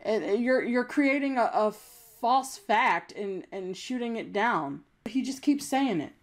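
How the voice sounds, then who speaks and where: Taking it slowly, a young adult YouTube commentator speaks in a slightly high, expressive, youthful voice that sounds young. She delivers an unscripted rant that is blunt and emphatic and full of swearing.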